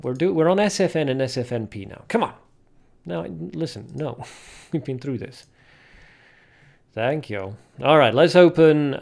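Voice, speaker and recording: A man's voice: medium pitch, vocal fry, darkish tone. A young man hosting a casual card-game livestream, chatting with viewers and reading card names aloud as he opens packs. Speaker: livestream host.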